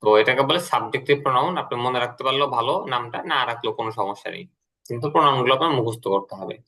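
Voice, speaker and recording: Bright-voiced patient male English teacher. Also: mid-range voice. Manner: patient, repeats key words slowly. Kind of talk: explaining a lesson to a student.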